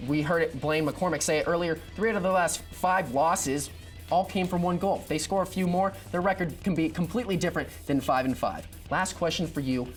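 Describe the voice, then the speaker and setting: A man's voice: on the high side, brisk, soft background music. A young man co-anchoring a student sports show, chatty and playfully competitive with his partner.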